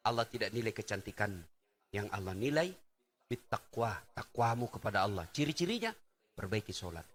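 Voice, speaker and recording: A middle-aged man from Indonesia delivering a lively sermon, swinging between loud exclamations and soft asides. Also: fairly low pitch, a little fast. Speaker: preacher. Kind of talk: lively sermon to a live audience.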